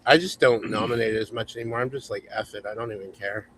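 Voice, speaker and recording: A man's voice: on the low side, steady tone, fast talker, a bit bright, a little hiss or hum, poor audio. Male host in his forties, casual and chatty, on a video call. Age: 40s. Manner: reads viewer comments aloud, chatty. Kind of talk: casual livestream chat.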